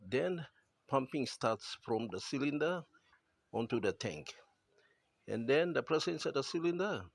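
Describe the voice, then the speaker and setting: A man's voice: mid-range voice, gravelly, breathy edge, dry recording. A man with a Papua New Guinean accent gives an informal technical explanation in Tok Pisin pidgin mixed with English, repeating key words for emphasis.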